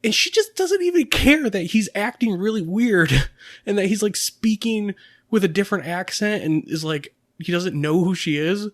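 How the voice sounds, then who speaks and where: A man's voice: high voice, lively intonation, moderate pace, dry recording, clean studio sound. A young man co-hosting a podcast, talking casually in a rambling way with many fillers and frequent laughs. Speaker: podcast co-host. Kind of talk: casual chat.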